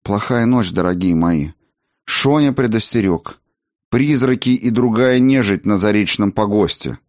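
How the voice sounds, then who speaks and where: Man doing a firm sorceress mom, even voice, bossy with her kids. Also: fairly low pitch, a little slow, no room sound, studio quality, natural voice. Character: firm sorceress mother, former battle mage.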